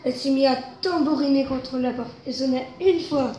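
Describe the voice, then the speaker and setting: Reading a children's story at normal speed, a woman uses her mellow, rather high voice expressively, letting it rise with the tension. There is an echoey room and faint noise in the background.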